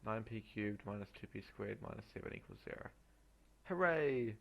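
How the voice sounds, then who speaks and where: A man working through exam problems aloud as a tutor, halting and muttering through each step in an informal way. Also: on the low side, completely flat delivery, vocal fry. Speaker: maths tutor. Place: voice-over on a screen recording.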